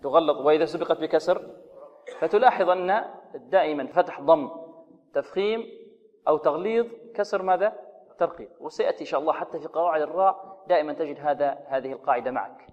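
A man teaching the rules of Quran recitation. He poses questions, answers them himself, and slowly intones sample verses to show the sounds. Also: on the high side, in a large hall, muffled recording. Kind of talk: tajweed lesson on radio.

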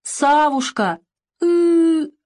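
A woman's voice: sits high, expressive, slow pace, pitched above the performer's own voice, full character voice. A woman reading an audiobook, voicing a hurt two-year-old boy who sobs and wails. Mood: sobbing. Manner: sobbing, wailing. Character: crying hurt little boy, two and a half.

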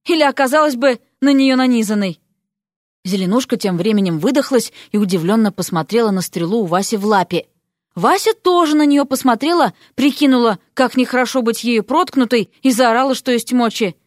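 A woman narrating a fairy-tale audiobook in a lively, playful way. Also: a little high, fairly quick, dry recording, clean studio sound.

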